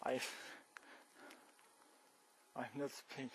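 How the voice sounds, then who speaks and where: A man's voice: extremely slow, slight background noise. A young Polish man speaking broken English with a Polish accent, joking through a one-sided phone call outdoors on a bike trail. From Poland. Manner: broken English, exclamations of shock. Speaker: cyclist vlogger. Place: outdoors on a forest trail and fields. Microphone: camera held close at arm's length.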